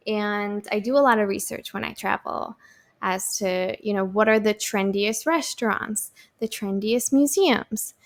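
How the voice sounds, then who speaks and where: Slow-talking, gravelly woman in her thirties. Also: mid-range voice. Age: 30s. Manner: chatty, lots of fillers and restarts, upbeat. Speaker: podcast host. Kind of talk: solo podcast chat.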